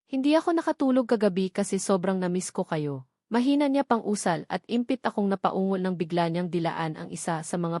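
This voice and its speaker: A woman with a Filipino accent narrates a scripted first-person story for an audiobook. Her voice is medium-pitched with a somewhat dark tone. The recording is dry and cleanly studio-produced.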